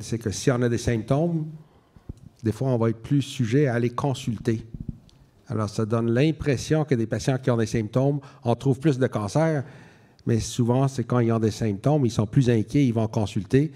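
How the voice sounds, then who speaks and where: A man's voice: mid-range voice, dark tone. A man, a medical specialist explaining things in plain everyday words as part of a panel. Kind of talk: plain-spoken expert explanation.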